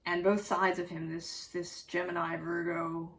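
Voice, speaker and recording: A woman's voice: on the low side, level tone, measured pace, a little hiss or hum. A woman giving a casual, reflective tarot reading, musing aloud and correcting herself as she goes. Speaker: tarot reader.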